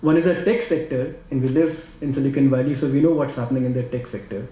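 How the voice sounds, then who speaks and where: A man with an Indian accent on a discussion panel, talking quickly and saying "you know" a lot. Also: medium pitch, warm tone, echoey room, rough recording. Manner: fast, repeats "you know". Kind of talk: discussion talk.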